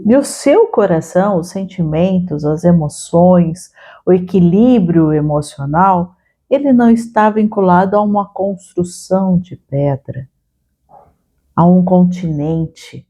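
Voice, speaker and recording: Calm Brazilian woman, mellow voice. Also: fairly low pitch, unhurried. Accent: Brazilian Portuguese. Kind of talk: casual conversation.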